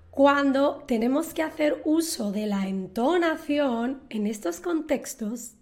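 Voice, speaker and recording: A woman's voice: a little high, darkish tone. A woman teaching as an online language teacher in a podcast lesson, patiently explaining step by step with example questions and answers.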